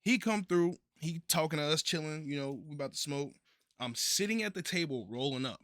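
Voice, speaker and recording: A man's voice: a little high, animated, a little fast, heavy background noise. A young man telling a story in a casual, laid-back way, full of profane slang.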